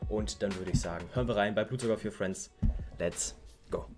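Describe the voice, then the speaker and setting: A man's voice: fairly low pitch, quick pace, music in the background. Chatty man reacting to a track. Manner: upbeat and chatty, often hesitant with fillers. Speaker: reaction video host. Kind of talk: casual reaction commentary.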